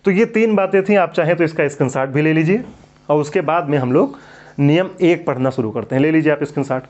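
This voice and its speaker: A man's voice: on the high side, fast talker, a little mellow. A man teaching Hindi grammar in an exam-prep lecture, who keeps asking questions and then answers them himself. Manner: drills students with repeated questions and answers. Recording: dull lo-fi recording.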